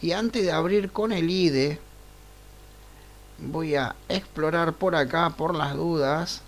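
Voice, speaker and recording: An unhurried male teacher leading a live online programming lesson, with a gravelly, creaky texture to his voice. He talks through each step as he goes and keeps checking in with his class. His pacing is deliberate and slow. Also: on the high side. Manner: unhurried, checks in with frequent "right?" tags. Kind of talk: live online class, thinking aloud over screen share.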